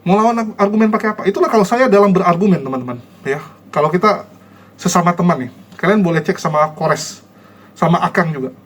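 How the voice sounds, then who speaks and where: A man a high-pitched voice speaks casually to his online viewers. He is combative and mocking, and he scolds and ridicules the people he argues against. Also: animated, fast.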